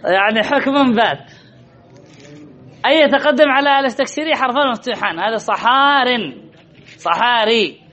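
A man's voice: extremely high pitch, moderate pace, long pauses, bright, forceful tone, lo-fi sound. A man teaching Arabic grammar to a class, quizzing students and repeating key phrases. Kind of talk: classroom lesson with questions to students.

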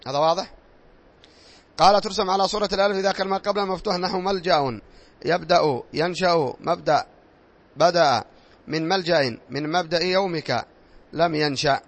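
A man's voice: a little high, a little fast, pauses often. A man teaching a classroom grammar lesson, reading rules aloud, drilling examples and quizzing his pupils in a classroom. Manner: repetitive, drilling tone.

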